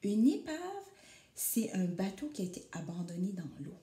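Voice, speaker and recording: A woman's voice: on the low side, expressive, normal speed, warm tone, a little hiss or hum. A woman teacher reading a storybook aloud to children and asking them questions as she goes. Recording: echoey room.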